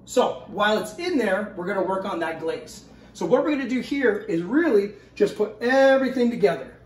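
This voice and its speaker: A middle-aged man hosts a home cooking show, easily walking through a recipe step by step in his kitchen and often asking "okay?" His high, expressive voice moves at a moderate pace. He's off-mic, picked up by a distant camera mic in an echoey kitchen with a little hiss or hum.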